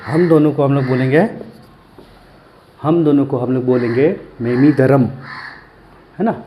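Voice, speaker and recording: A man giving a language lesson, slowly repeating each word and asking and answering his own questions. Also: mid-range voice, dark tone, a little hiss or hum. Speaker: language teacher.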